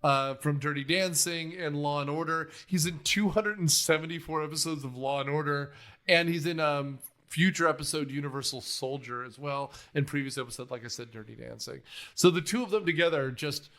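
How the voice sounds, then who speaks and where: A man's voice: on the high side, a little fast, sharp tone. Rambling, profane male podcast host. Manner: rambling, profane, full of tangents and fillers. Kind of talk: casual movie-review chat.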